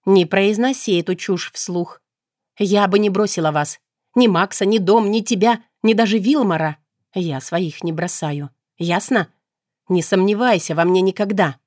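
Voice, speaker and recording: A woman voicing a brash, impulsive young heroine with high, loud, excitable exclamations. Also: a little slow, no echo, studio quality, close to an everyday voice. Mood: stern.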